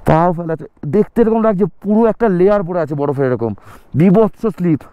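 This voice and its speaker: A man's voice: sits high, animated, fast, smooth, no echo, narrow, tinny audio. A man filming a motorcycle travel vlog outdoors on a snowy mountain road, commenting anxiously on the slippery ice. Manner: breathless, alarmed commentary on slippery icy road. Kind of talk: casual travel vlog narration.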